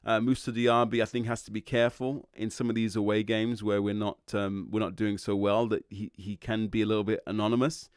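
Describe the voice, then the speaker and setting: Wry, smooth-voiced man reviewing a match. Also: on the low side, flat delivery, fairly quick, hardly any pauses, no echo, clean studio sound. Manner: chatty, wry and opinionated, with frequent ums. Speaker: football podcast host. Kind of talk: casual match analysis monologue.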